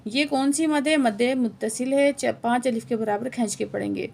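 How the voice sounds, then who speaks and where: A woman teaching Quran tajweed word by word. She spells out each letter and vowel mark, chants the words slowly and drawn out, and answers her own quiz questions in quick, quieter asides. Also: a little high, gravelly, a little hiss or hum. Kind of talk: word-by-word recitation lesson.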